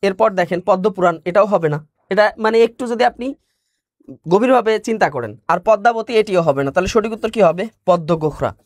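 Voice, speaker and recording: A man with a Bangladeshi Bengali accent teaches an exam-prep class online. His voice sits high, and he repeats key words and questions his listeners as he explains. The sound is dry and close, with no room echo. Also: fast talker.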